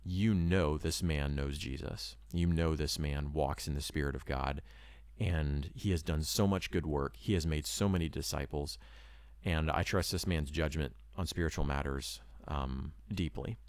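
A man's voice: very deep voice, measured pace, darkish tone, smooth, no echo, clean studio sound. A man talking casually with his wife about moving abroad as a missionary, rambling and earnest, full of hedges and "you know.". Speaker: missionary preparing to move abroad. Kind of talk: casual talk to camera.

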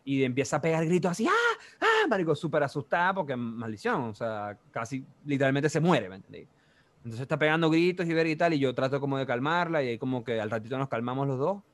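A young man in his twenties with a Venezuelan accent, telling a story in casual chat, animated and full of slang and sound effects. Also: medium pitch, fast.

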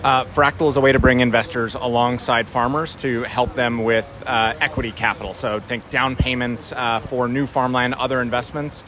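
A man's voice: medium pitch, flat delivery, normal speed, few pauses, a bit bright. A man with a North Dakota accent explaining things in a plain-spoken, conversational way as an interviewed company representative. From North Dakota, USA. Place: outdoors at a busy farm trade show. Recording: outdoor crowd and vehicle noise.

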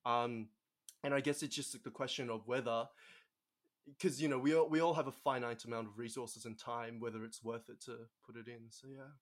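A man's voice: mid-range voice, fairly even intonation, moderate pace. A young man hosting a casual chat, full of hesitations, restarts and agreeing "yeah"s. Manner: many hesitations and affirmations.

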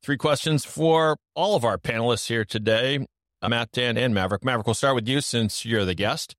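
A man's voice: mid-range voice, brisk, a bit bright, no room sound, clean studio sound. A man hosting a casual podcast, asking quiz-style questions in an upbeat, joking way. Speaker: podcast host.

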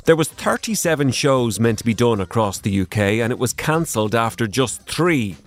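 A man's voice: mid-range voice, expressive, moderate pace. A man hosting a music history podcast, narrating casually with wry asides. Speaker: podcast host.

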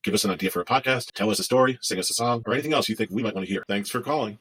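A man's voice: a bit bright, slightly rough. A man's voicemail greeting played back sped up, so that he sounds like a chipmunk. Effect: sped-up chipmunk voice, fast and high-pitched. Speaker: podcast host.

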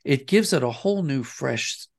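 A man who writes and directs audio dramas speaks as an interview guest, explaining things thoughtfully and rephrasing as he goes. His voice is medium-pitched, animated, and creaky, at a normal speed.

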